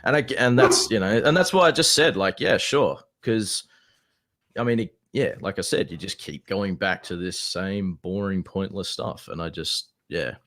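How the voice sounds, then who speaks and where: A young man with a fairly low voice argues in an online voice debate. He talks informally, swears freely and comes across as dismissive and exasperated. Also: normal speed, a bit bright. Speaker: debate participant. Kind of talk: casual argumentative online debate. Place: online voice call.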